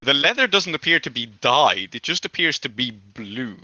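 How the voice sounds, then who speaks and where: A man with a very bright, forward voice runs a tabletop game, explaining rules and describing scenes in a relaxed, chatty way. His voice sounds dry and close, with no room around it, on a slightly dull, lo-fi mic. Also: mid-range voice, moderate pace, no echo. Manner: casual, explanatory. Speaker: game master.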